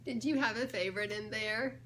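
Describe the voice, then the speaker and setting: Reading a picture book to young kids at story time, this children's ministry director speaks a little high and fairly quickly, with a fairly bright tone. She giggles and coaxes them to guess answers, and there's slight background noise.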